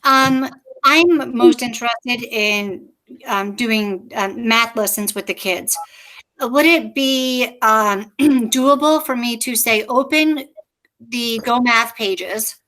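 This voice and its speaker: A woman teacher with a slightly high voice asks a question on a video call. She pauses and searches for her words as she talks. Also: a bit bright, poor audio. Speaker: elementary teacher asking questions.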